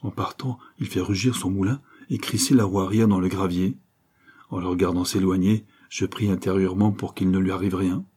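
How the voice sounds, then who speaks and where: A man narrating a first-person crime novel with expressive delivery, acting out the dialogue. His voice is low and husky. The timbre is dark and mellow. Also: fairly quick. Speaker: audiobook narrator.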